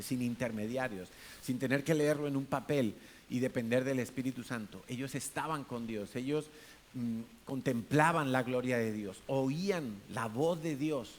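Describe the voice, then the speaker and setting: A man with a Spanish accent preaching a sermon in a church hall, in a conversational way, asking the congregation questions and acting out different tones of voice. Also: medium pitch. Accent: Peninsular Spanish. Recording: faint hiss.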